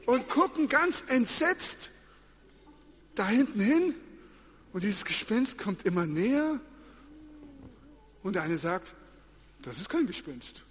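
A man tells children a story with plenty of drama, acting out each scene and calling on his listeners to join in. His voice is very high and swings widely in pitch. A long echo follows him through a large hall. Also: slow pace, long pauses, a little hiss or hum. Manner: animated, acts out scenes and gets the audience to join in.

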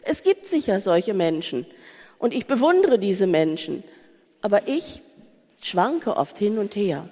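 A woman preaching a sermon, full of rhetorical questions and swinging between urgent pleading and soft calm. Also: medium pitch, measured pace. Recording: reverberant hall.

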